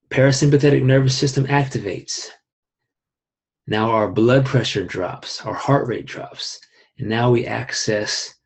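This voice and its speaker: A young man teaching an online qigong class in a calm, unhurried way, with rising emphasis and soft asides. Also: fairly low pitch, gravelly, breathy edge.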